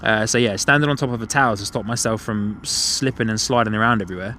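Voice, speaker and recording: A man's voice: on the low side, quick pace, pushed and bright. A man from England with a New Zealand twang in his English accent, chatting casually to viewers and commentating live as a plane-spotting host. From Hertfordshire, England. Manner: chatty, thanks and greets viewers by name. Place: outdoors on a van-top platform by an airport. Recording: outdoor airport ambience, clear vehicle noise.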